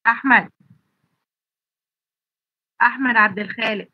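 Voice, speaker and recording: Egyptian woman teaching online, stuffy nose, kinda husky, a bit high, dull dry call audio. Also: measured pace, no room sound. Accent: Egyptian Arabic. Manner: asks students rhetorical questions and answers them. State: congested, blocked nose and throat. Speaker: pharmacy college lecturer. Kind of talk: online lecture. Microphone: computer mic on a video call.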